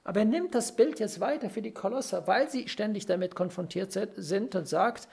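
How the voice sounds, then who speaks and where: Gravelly, husky-voiced preacher. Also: mid-range voice, a little mellow. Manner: earnest, emphatic repetition of key phrases; pauses to search for words with fillers. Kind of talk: sermon on a Bible passage.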